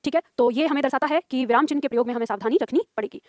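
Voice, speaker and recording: A woman's voice: high-pitched, very fast, dry recording, studio quality. A woman teacher giving a lecture to students, explaining with examples and repeating lines for them to write down. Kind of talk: classroom lecture.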